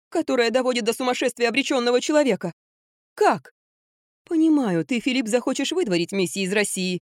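A woman's voice: fairly high pitch, dry recording, studio quality, pitched above the performer's own voice, close to an everyday voice. A woman reading an audiobook voices a hysterical middle-aged mother who screeches accusations. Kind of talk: audiobook character voice.

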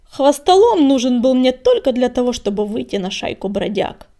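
A woman's voice: fairly high pitch, very animated, normal speed. A woman doing a menacing warrior tomcat. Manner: hissing, threatening, loud. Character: menacing huge male warrior cat, arrogant, vengeful.

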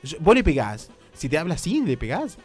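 A man's voice: on the high side, big pitch swings, fairly quick, husky, soft background music. Camp, theatrical Rioplatense man. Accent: Rioplatense Spanish. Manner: camp, theatrical, swoops up into squeals. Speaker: radio comedy host. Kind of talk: comic dating-advice role-play.

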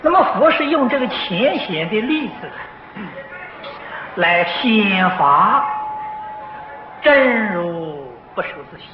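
An older man giving a slow, patient lecture on a Buddhist sutra, filling pauses with drawn-out "ah" sounds and clearing his throat now and then. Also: sits high, big pitch swings, over music. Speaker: Buddhist teacher. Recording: dull, roomy, noisy old tape of a lecture hall.

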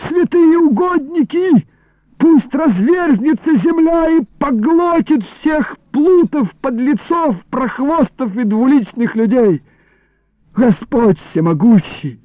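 A man voicing a cantankerous old village man who wails and curses in loud, high outbursts, on a tinny old radio recording. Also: animated, takes it slowly, no echo, heavily acted. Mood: wailing, pleading.

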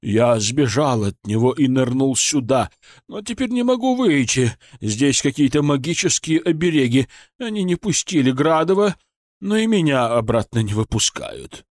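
A man voicing the frightened ghost of an old official in an audiobook, talking in a higher, slow, pleading way. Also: sing-song, no room sound, clean studio sound, natural voice. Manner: pleading, drawn-out, fearful. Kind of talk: audiobook character voice.

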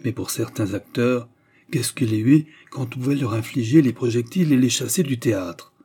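A man narrating a classic novel as an audiobook in a measured, steady reading. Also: mid-range voice, husky.

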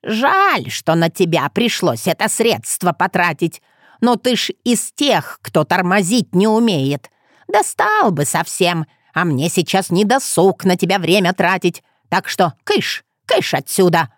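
A woman voicing a sly, hunched ancient village witch woman who talks in a slow, creaky, mocking way. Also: fairly low pitch, very animated, no room sound, clean studio sound. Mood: scornful.

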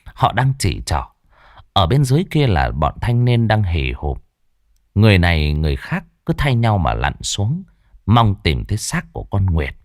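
A man narrating a ghost story in a dramatic, expressive storytelling manner. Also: low-pitched, normal speed, dry recording, studio quality.

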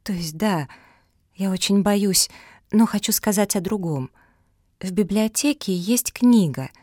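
A woman's voice: mid-range voice, unhurried, warm tone, no echo, clean studio sound, voice pushed up, lightly acted. A woman voicing a timid, anxious female pug in an audiobook for children, speaking fearfully.

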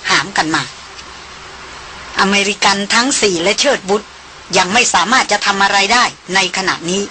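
A woman reading an audiobook novel aloud with a bright, crisp tone. Her narration is measured and descriptive, at a middle pitch, with a faint hiss behind it.

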